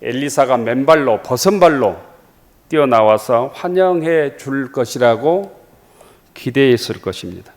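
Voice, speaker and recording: Man, Jeolla accent, pastor preaching, earnest and repetitive, mid-pitched voice, long church reverb. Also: expressive, a little slow. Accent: Jeolla Korean. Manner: earnest, repeats phrases for emphasis, rhetorical questions. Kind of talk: sermon. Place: church sanctuary.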